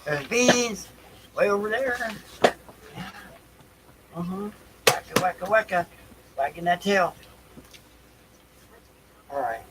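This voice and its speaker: Over very noisy audio, a man hosting a livestream speaks slowly with frequent pauses, his high-pitched voice carrying lively intonation. He rambles without a script as he gets set up, talking things through to himself and repeating phrases.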